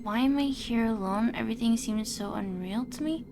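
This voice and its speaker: A young woman talks casually through a game stream, high-pitched with a gravelly, fried edge, her voice wearing hoarse. She reacts aloud and thanks her chat as she goes. Clear background noise sits under the recording. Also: normal speed. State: losing her voice.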